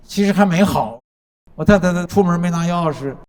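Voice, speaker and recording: A man preaching a sermon as pastor, building points through rhythmic repetition and dropping from loud declarations to soft, low asides. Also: fairly quick. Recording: long reverb of a large hall.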